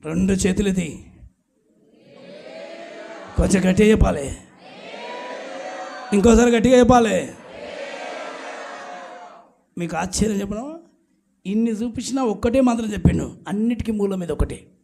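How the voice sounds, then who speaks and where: A man's voice: sits high, moderate pace, gravelly, pauses often, mellow, a little hiss or hum. A man preaching an emphatic sermon at a church night service, urging the congregation to call back answers aloud.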